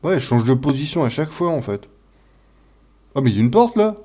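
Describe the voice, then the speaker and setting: Expressive man commenting on a horror game. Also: mid-range voice, fast. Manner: jumpy, expressive, swearing, self-mocking. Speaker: video game player and video maker.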